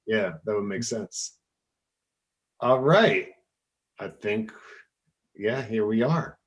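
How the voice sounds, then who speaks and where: Man, relaxed interviewer, hesitant, casual chat, video call. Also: fairly low pitch, slow pace. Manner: laid-back, hesitant. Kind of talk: casual conversation.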